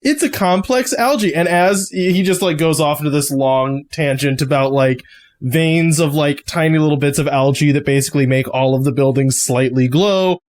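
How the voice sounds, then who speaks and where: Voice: medium pitch, normal speed, a little mellow. A game master narrating a tabletop game in a loose way, with lots of fillers.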